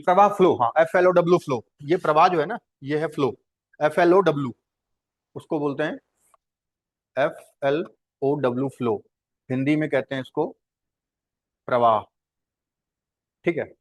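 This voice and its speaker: A male teacher with a somewhat high voice leads a lesson on Hindi translation. He explains patiently and repeats himself, poses questions to the class and answers them himself. His delivery is conversational and instructive. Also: moderate pace, pauses often.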